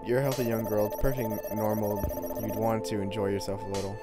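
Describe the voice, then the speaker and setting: A man's voice: on the low side, level tone, fast, loud music behind the voice, close to an everyday voice. A man voicing a teasing, easygoing young woman who is an older sister, in a reading of a story game. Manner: teasing, breezy.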